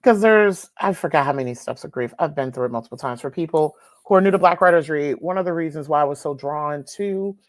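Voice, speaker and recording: Woman host with a lowish voice. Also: quick pace, few pauses. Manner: conversational, searching for words. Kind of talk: casual interview.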